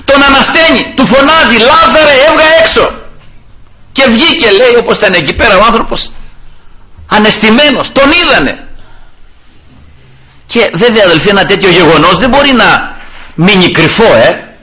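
A man's voice: high-pitched, expressive, long pauses, pushed and bright, slight background noise. A man preaching a sermon after a scripture reading, calling his listeners brothers and pressing them with rhetorical questions. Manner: reads scripture in an old formal cadence, then preaches freely.

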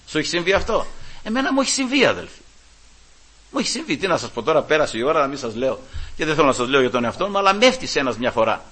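A man preaching a sermon, fervently addressing the congregation as brothers and telling personal stories, moving between quiet asides and loud, emphatic peaks. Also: fairly high pitch, big pitch swings, slightly rough. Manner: fervent, keeps calling out to his brothers. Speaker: Pentecostal preacher.

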